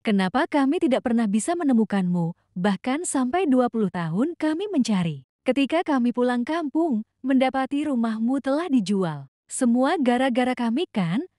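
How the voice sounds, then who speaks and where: A woman voicing a remorseful middle-aged man who pleads softly with his older brother. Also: a little high, sing-song, moderate pace, no room sound, studio quality. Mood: reproachful. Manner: soft, pleading.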